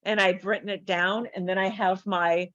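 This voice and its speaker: Woman, podcast guest, animated storyteller, dry dull lo-fi sound. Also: medium pitch, moderate pace, no room sound. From United States. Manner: animated, acts out voices in her stories. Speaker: life coach and guest.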